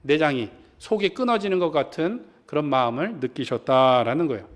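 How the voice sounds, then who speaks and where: A man's voice: on the high side, animated, brisk. A male pastor preaching a sermon in church, asking his congregation questions as he retells a story. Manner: asks the congregation questions and acts out quoted lines. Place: church sanctuary.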